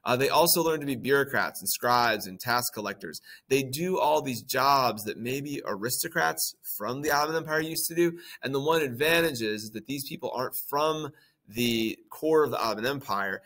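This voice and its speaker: A man's voice: medium pitch, moderate pace, a bit bright. A man teaching a history lesson in a casual, conversational way, with frequent ums and playful acted-out quotes. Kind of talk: casual lecture.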